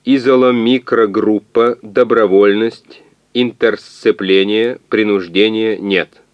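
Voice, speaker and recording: A man reading an audiobook, voicing a translating calculator machine that speaks in slow, clipped, monotone word fragments. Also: on the low side, no room sound, pitched above the performer's own voice. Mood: flat, halting.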